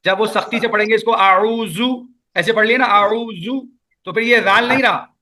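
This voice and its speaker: A man with a Pakistani Urdu accent leads an online recitation class. He drags out each sound patiently so his students can copy it. His voice sits high and sounds bright. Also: steady tone. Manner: patient, repeats sounds slowly for students to echo. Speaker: Quran recitation teacher.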